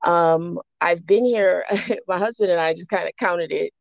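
A fairly low, gravelly woman's voice from the Bahamas, recorded dry and close. She is a young guest talking casually on a podcast, thoughtful and full of "um"s and restarts. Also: a little slow, dry recording, highs cut off. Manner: reflective, many fillers and restarts.

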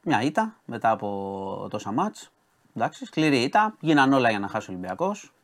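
A man gives news and sports commentary as a studio contributor. His pitch rises and falls a lot. He hedges often and restarts his sentences while he works out what he wants to say. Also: sing-song.

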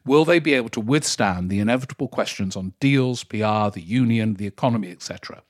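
Guy doing his podcast solo, chatty and thinking out loud, reading out listener mail. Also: on the low side, fast. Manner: reflective, self-correcting, reads listener emails aloud. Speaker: podcast host. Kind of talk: casual solo podcast commentary.

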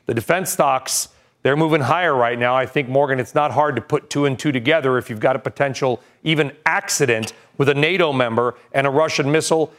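An American man anchoring live business news, giving rapid market updates and breaking-news commentary in short, clipped phrases. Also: mid-range voice, fairly bright tone.

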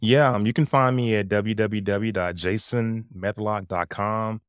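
A man with a low, magnetic voice, speaking as a podcast guest and coach in an animated, emphatic conversational storytelling style. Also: unhurried, clean tone, no room sound, studio quality.

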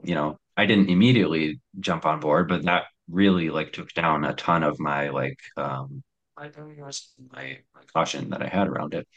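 In dull-sounding audio, a young man with a very deep voice tells his story reflectively and hesitantly, stumbling through many fillers and restarts.

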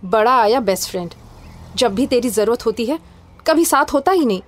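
A woman's voice: a little high, lively intonation, moderate pace, a little hiss or hum, lightly acted. A woman playing a young divorced woman in an audio drama, teasing and mock-scolding in Hinglish. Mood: bossy. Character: young divorced woman, playful and bossy with her friend. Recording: studio voice with music underneath. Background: soft background music.

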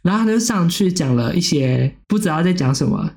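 Fast-talking storyteller. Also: mid-range voice, gravelly. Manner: animated storyteller who acts out quotes. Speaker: podcast co-host, graduate student. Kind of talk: casual podcast chat.

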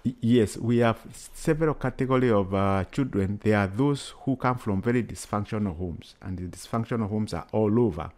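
Male charity worker as interview guest, Kenyan accent, lower-pitched voice, earnest delivery with emphatic repetition. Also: normal speed, hardly any pauses, a little mellow. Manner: earnest, emphatic, repeats phrases. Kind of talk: interview answers.

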